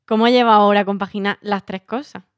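A woman's voice: mid-range voice, steady tone, a little fast, no echo, highs cut off. A woman interviewing a guest, asking friendly and curious questions in casual chat.

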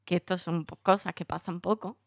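A woman's voice: fairly low pitch, steady tone, fairly quick, creaky, no room sound. Woman host, casual interview, friendly prompting questions, dry close sound.

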